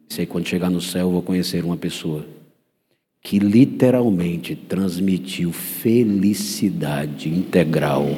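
Brazilian pastor telling a story, dark low voice, echoey church hall. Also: male voice, slight background noise. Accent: Brazilian Portuguese. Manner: animated storyteller, swings into high voices. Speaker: preacher. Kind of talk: sermon storytelling.

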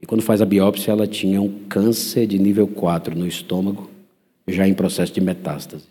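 A man with a Brazilian Portuguese accent preaching a sermon, telling a story with animated voices. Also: sits low, moderate pace, slightly rough. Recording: reverberant church hall.

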